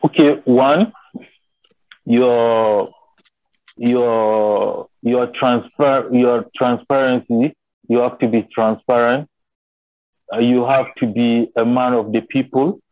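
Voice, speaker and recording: A man's voice: medium pitch, steady tone, slow, no room sound. A young man from Nigeria on a video call, explaining his tribe's customs thoughtfully and often asking if he is understood. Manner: thoughtful, repeats phrases and asks "you understand?". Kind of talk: casual video call discussion. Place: small indoor room. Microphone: laptop webcam on video call. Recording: tinny phone-line sound.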